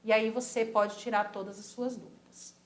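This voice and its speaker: Brazilian woman, Spanish teacher, higher voice, patient drills of pronunciation, echoey room. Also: level tone. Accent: Brazilian Portuguese. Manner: patient, models pronunciation by repeating words slowly. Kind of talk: recorded school lesson.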